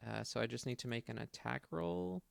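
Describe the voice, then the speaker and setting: A man's voice: medium pitch, lively intonation, brisk, gravelly, no room sound, clean studio sound. A man running a tabletop game as game master, hesitant and thinking aloud with many fillers.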